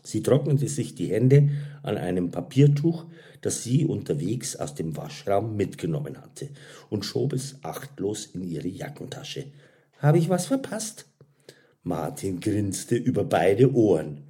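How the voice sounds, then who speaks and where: Low, slow-reading male narrator. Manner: expressive, unhurried storytelling. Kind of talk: audiobook narration.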